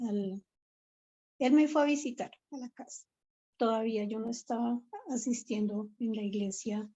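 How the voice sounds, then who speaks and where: An earnest woman gives a heartfelt testimony in church, often restarting her phrases. Her voice sits fairly high but has a soft, mellow tone. The recording sounds dull and muffled. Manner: emotional, earnest, with many restarts. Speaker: church member giving testimony.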